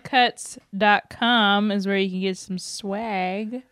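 Woman, co-host, slow-speaking, giggly exclaiming reactions, casual chat. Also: mid-range voice, steady tone, fairly bright tone, smooth, dry recording. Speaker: co-host of a snack-tasting show.

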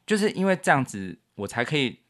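A man's voice: medium pitch, big pitch swings, fairly quick. A man co-hosting a casual chat, patiently explaining his piano composition step by step and counting beats aloud.

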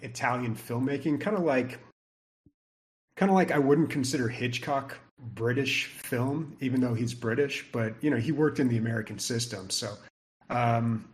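A man's voice: medium pitch, darkish tone. A man co-hosting a casual podcast chat, rambling with lots of fillers. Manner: chatty, lots of likes and ums. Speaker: podcast co-host.

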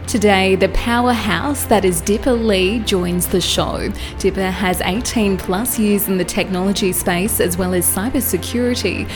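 Woman, announcer, scripted intro, upbeat, music bed clearly behind. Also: mid-range voice. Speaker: show announcer.

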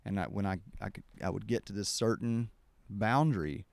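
Low gravelly guy rambling through a story, smooth clear voice, dry sound. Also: normal speed, darkish tone, no echo. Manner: rambling, with many restarts and acted-out quotes. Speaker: podcast host. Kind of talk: casual storytelling conversation.

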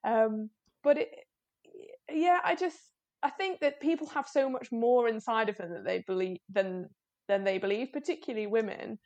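A woman's voice: fairly high pitch, normal speed, a little mellow. Woman, casual interview guest, chatty, self-deprecating, laughs often. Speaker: guest, cyclist.

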